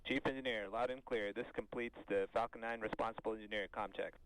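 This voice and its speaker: A man with a lowish voice makes rapid procedural calls over a radio comm loop. He sounds like an engineer running a check. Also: fairly even intonation, fairly bright tone, poor audio. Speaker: chief engineer in launch control.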